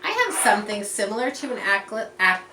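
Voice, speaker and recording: A woman with a medium-pitched voice reads a picture book aloud to children, expressive and teacherly, pausing to explain and point things out. The recording has a roomy echo, a distant mic and faint background noise.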